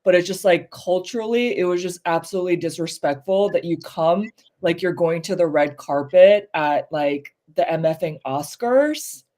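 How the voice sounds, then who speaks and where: A woman co-hosting a casual chat show, speaking candidly and with strong opinions, full of fillers, her pitch rising when she stresses a point. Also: normal speed, hardly any pauses, dark tone. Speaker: podcast co-host.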